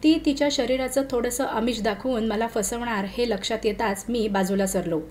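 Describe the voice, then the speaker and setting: A woman narrating a first-person story in a steady, measured reading voice. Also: fairly high pitch, a little hiss or hum. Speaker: reader.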